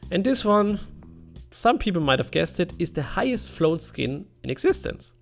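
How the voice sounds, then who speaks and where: Lively, higher-pitched German-accented man. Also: moderate pace, creaky, faint music behind. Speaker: video creator narrating a game item list. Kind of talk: informal voice-over commentary. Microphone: voice-over over game footage.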